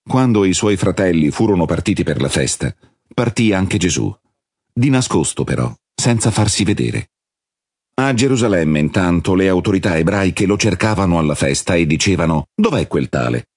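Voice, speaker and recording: A man narrating a scripted Bible reading in a measured, husky voice. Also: deep voice, animated, a little mellow, no echo, clean studio sound.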